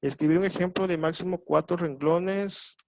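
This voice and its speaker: A man teaching a high school class online, patiently explaining and repeating key points. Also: fairly even intonation, moderate pace, no room sound.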